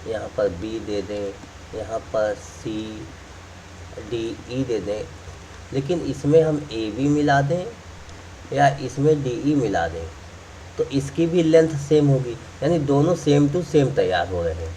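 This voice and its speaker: A man's voice: mid-range voice, animated, slow, dark tone, distant mic, a little hiss or hum. A man teaching math, explaining step by step while drawing and repeating key points. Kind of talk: classroom explanation.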